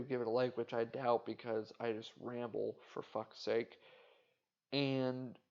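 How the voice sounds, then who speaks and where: A man hosting a podcast, rambling casually in a flat, indifferent way, swearing and making fun of himself. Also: medium pitch, creaky. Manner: casual, swearing, self-mocking. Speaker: podcast host. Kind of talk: rambling solo monologue. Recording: dull lo-fi sound.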